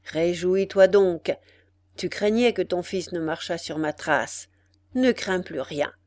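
Brief: hoarse, sneering little demon husband, slow and menacing, as a woman reads him; dry close sound. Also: fairly low pitch, a little mellow, no echo. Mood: mocking. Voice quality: hoarse, muffled. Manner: mocking and menacing. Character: sinister mocking little demon man, hoarse.

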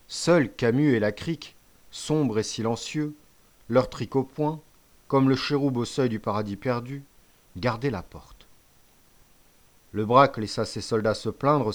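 A man doing scripted narration of a story, dramatic and paced for tension. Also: mid-range voice.

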